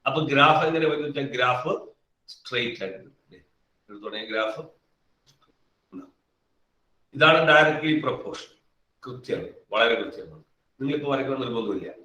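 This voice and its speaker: A man's voice: medium pitch, pushed and bright. A man teaching a physics class live online. He calls on students by name, coaxes answers out of them and repeats key phrases over and over. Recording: echoey room, mic far off.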